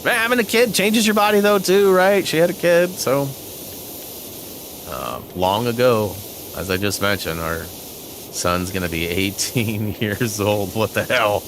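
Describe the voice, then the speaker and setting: A man's voice: on the low side, a little slow, background noise. A man in his forties chatting casually over gameplay as a channel host, rambling with many fillers and frequent chuckles. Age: 40s.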